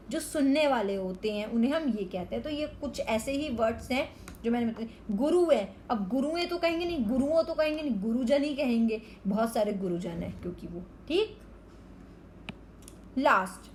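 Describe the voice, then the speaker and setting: The clip features a woman with a high voice, with slight background noise, teaching Hindi grammar to children. She explains each word patiently and slowly, slipping English words into her Hindi.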